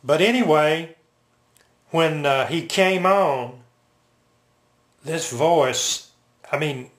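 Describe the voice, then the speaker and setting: An older man telling personal stories casually, in a halting, reflective, unscripted way. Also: a little high, a bit bright. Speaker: military veteran reminiscing. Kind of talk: casual personal storytelling to camera. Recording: roomy, echoing home recording.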